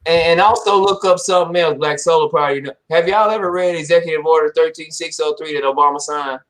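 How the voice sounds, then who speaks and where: A man in casual profane chat, ranting loudly and joking, often mocking other people in quoted voices. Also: on the high side, quick pace, rough recording.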